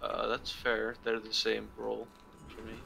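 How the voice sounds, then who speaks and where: A man's voice: fairly low pitch, monotone, unhurried, creaky, bright, forceful tone. A man playing a tabletop game, thinking aloud with lots of fillers as he plans his moves. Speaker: player.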